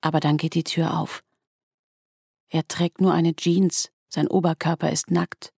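A woman narrating a first-person literary story in a hushed, tense way, at times sinking to a whisper. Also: deep voice, level tone, a little slow, creaky, breathy edge, dry recording, studio quality. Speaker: audiobook narrator.

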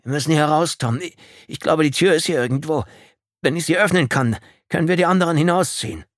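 An injured man fighting panic after a plane crash, his voice forced up high and near shouting. He is strained and in pain, every phrase urgent. A male narrator performs him in a dry, close recording. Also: extremely slow, dry recording.

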